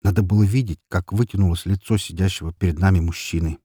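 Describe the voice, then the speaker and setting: A man narrates an audiobook in a low, husky voice with a dry, close sound. His reading moves up and down in pitch as he tells the story in the first person. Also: fairly even intonation, fast talker, mellow, no echo.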